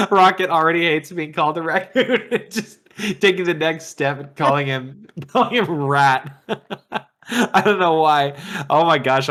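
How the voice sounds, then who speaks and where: A man co-hosting a casual gaming podcast, excitable and laughing often. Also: fairly high pitch. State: tired late at night. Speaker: podcast co-host.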